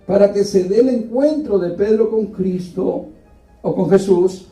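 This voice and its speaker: A man's voice: high voice, unhurried, warm tone, soft background music. Male preacher, sermon delivery, rhetorical questions to the brothers; distant mic in a roomy, echoing church. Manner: rhetorical questions to the congregation, addresses listeners as brothers. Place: church hall. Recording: echoey room, distant mic.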